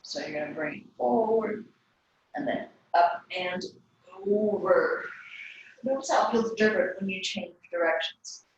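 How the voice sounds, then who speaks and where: A woman teaching a yoga class, giving calm cues timed to the breath. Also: fairly low pitch, a little slow, highs cut off, slight background noise. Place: yoga studio. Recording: echoey room, voice from a distance.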